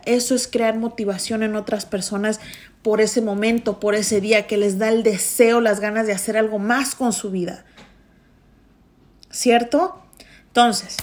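A young adult woman hosting a motivational podcast, talking intensely and emphatically. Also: fairly high pitch. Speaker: podcast host.

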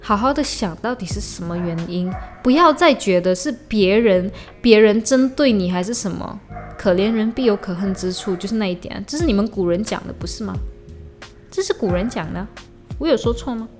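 A woman's voice: mid-range voice, animated, a little fast, music in the background. A woman hosting a solo podcast, talking in a heated, blunt, profane way and slipping in English slang. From Malaysia. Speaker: podcast host. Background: faint lo-fi hip-hop beat.

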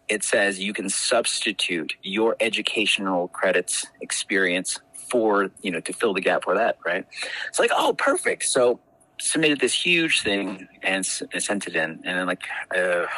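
A man from the Navajo Nation, a former prosecutor, telling his story as an interview guest in an animated way and acting out what others said. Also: low-pitched, vocal fry, husky, rough recording. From Navajo Nation, United States. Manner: animated, acts out quoted dialogue. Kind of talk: conversational storytelling.

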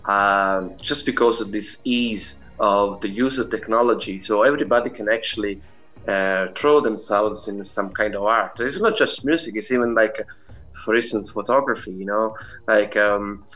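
A middle-aged indie musician from Italy, speaking with an Italian accent, talks casually as an interview guest, rambling and saying "you know" often. His voice is on the low side and fairly bright at a moderate pace, with lo-fi sound and faint music behind.

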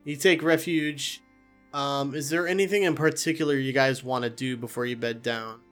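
A man running a tabletop game as dungeon master, describing scenes casually and haltingly. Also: medium pitch, fairly even intonation, a bit bright, smooth, faint music behind.

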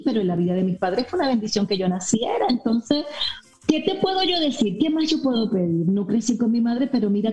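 Expressive middle-aged woman in an echoey room. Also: medium pitch. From Miami, United States. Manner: warm and expressive, with rhetorical asides. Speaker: interview guest. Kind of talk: candid personal storytelling. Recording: echoey, slightly dull room sound with faint music.

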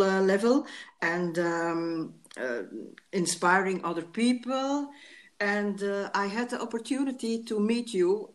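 A woman hosting a podcast interview, talking with many pauses and fillers. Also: fairly low pitch. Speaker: podcast host. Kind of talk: conversational interview.

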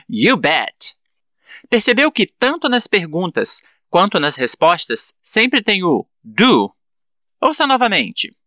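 A man with a Brazilian Portuguese accent hosting an English-learning podcast, slowly drilling example sentences for students. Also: high voice, huge pitch swings, sharp tone, no room sound. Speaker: podcast host and English teacher. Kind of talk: teaching English lesson.

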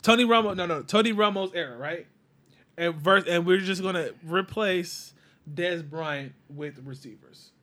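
A man arguing football casually, slangy, pausing on "uh" fillers while searching for names. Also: high voice, a bit bright. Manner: argumentative, hesitant fillers, slangy.

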